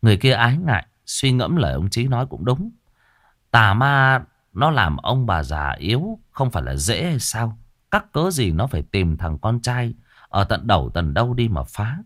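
Low-voiced ghost storyteller. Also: male voice, normal speed, no echo, studio quality. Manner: dramatic, lively storytelling.

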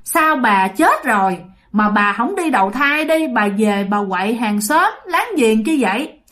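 A woman's voice: fairly high pitch, lively intonation, unhurried, fairly bright tone. A woman voicing an older male exorcist in a spoken ghost story, with an exclaiming manner. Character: older male exorcist, stern but fretful.

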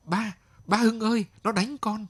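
A husky, blunt young woman dancer speaking in a lively, swooping voice, as a male storyteller puts her on. She sounds tired of her hard life and talks frankly, with a close, dry sound. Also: medium pitch, normal speed, no room sound. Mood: terrified.

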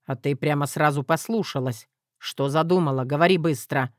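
A woman's voice: deep voice, normal speed, no room sound, clean studio sound, pitched below the performer's own voice, natural voice. A woman voicing a terse, commanding young husband in an audiobook. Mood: gruff. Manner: curt, commanding.

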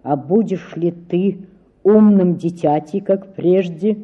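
A woman voicing a desperate, bitter father who speaks low and trembling, in a dull lo-fi audiobook recording. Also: expressive, unhurried, breathy edge, heavily acted. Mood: stern, wheedling. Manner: low, trembling, hissing reproaches. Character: desperate, bitter, sullen father, a grown man.

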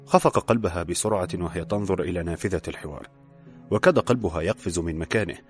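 A man reads a story aloud in a steady, measured pace. His voice is very deep, and a faint music bed runs under the narration. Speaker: audiobook narrator. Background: soft music.

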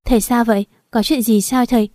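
A woman's voice: on the high side, steady tone, fairly quick, no room sound, studio quality, close to an everyday voice. A woman reading a tender teasing young man. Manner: gentle, teasing. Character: tender, teasing young male teacher and lover.

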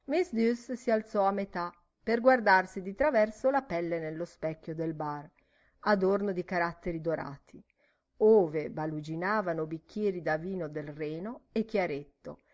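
A woman narrating a literary audiobook in a measured, rhythmic reading. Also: fairly low pitch, a little mellow.

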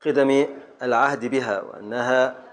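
Egyptian male sheikh, classroom teacher, mid-pitched voice, patient, calls on students by name. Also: fairly even intonation, moderate pace. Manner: patient, scans verse aloud syllable by syllable and calls on students. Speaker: sheikh teaching Arabic grammar and prosody. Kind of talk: classroom lesson.

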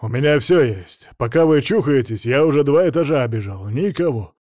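A man voicing a drunk, red-faced, bullying millionaire, shouting and blustering in an audiobook. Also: medium pitch, expressive, fairly quick, no room sound, studio quality, natural voice. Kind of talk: audiobook character voice.

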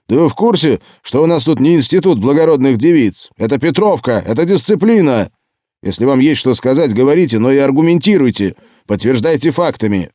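A stern police captain, acted by a male audiobook reader, barks and yells at full force. The low, dark voice is pushed loud and raised in pitch, recorded dry. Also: animated, fairly quick, dry recording, natural voice. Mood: furious. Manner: shouting, barking orders. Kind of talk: audiobook character voice.

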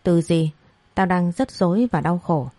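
A woman's voice: lowish voice, a little slow, warm tone, no echo. A woman voicing a young wife in an audio story who is a panicked, sobbing best friend, flustered and tearful.

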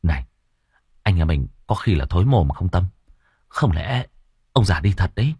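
A man voicing a mischievous young male disciple who talks in a low, teasing way. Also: big pitch swings, moderate pace, a little mellow, slightly rough, dry recording, studio quality, exaggerated voice. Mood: uneasy.

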